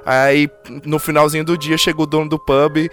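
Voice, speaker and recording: High-voiced Cearense man telling a story. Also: level tone, a bit bright, soft background music. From Ceará, Brazil. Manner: brisk, suspenseful storytelling with laughter. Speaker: podcast guest. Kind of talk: casual storytelling chat.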